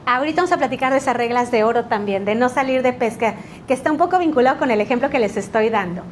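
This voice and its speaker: A woman teaching a litigation workshop, energetic and quizzing the class with rhetorical questions. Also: fairly high pitch, fast, a little hiss or hum. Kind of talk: workshop lecture.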